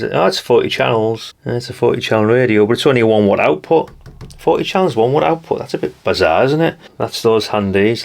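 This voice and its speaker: A middle-aged man with a North East English accent presents a hobby video, his creaky, mid-range voice rambling through a casual show-and-tell. He sounds chatty, nostalgic and down to earth.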